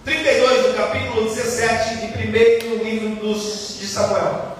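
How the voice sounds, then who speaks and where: A man preaching a lively sermon as a pastor, asking the crowd questions and acting out quotes. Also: high voice, normal speed, slight background noise. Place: church hall. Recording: echoey hall from far off, faint ambience.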